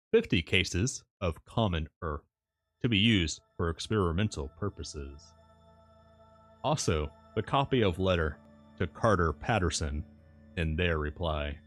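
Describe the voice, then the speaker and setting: A man reading a classic novel aloud as a streamer, in audiobook-style narration with measured, deliberate phrasing. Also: low voice. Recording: music playing behind the voice. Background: background music.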